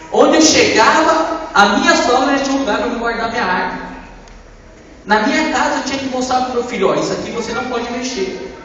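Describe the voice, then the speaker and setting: A man giving a church testimony, impassioned, swinging between loud outbursts and hushed lines. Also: extremely high pitch. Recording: echoey church hall from far off, dull sound.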